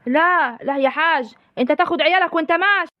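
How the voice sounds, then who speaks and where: امرأة تؤدي دور حماة ريفية مولولة بلهجة ريفية مصرية، صوتها مرتفع وسريع وتندب بمبالغة كوميدية. الصوت جاف بلا صدى. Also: female voice, extremely high pitch, fast, dry recording, muffled recording. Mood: wailing. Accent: rural Egyptian. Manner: wailing, lamenting, melodramatic. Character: loud wailing rural mother of the grooms. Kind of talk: comic village sketch.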